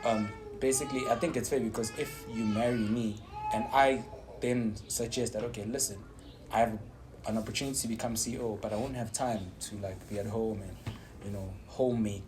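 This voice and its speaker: A man's voice: fairly low pitch, fairly even intonation, fairly quick. A man co-hosting a podcast chat, explaining at length with a teasing edge. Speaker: co-host. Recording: noisy studio sound.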